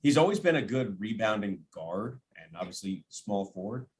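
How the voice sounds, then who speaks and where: As a podcast guest, a radio play-by-play man talks basketball in a relaxed yet animated way, his fairly low voice expressive at a moderate pace. He hammers points by repeating phrases and acting out imagined quotes. There's slight background noise.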